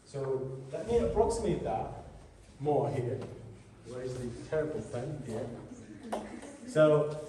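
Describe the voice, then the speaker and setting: A man's voice: mid-range voice, very animated, warm tone. Man lecturing in a very echoey room. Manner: halting, repeats and restarts phrases while explaining. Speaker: biochemistry lecturer. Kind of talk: classroom lecture. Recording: echoey room from far off, faint hiss.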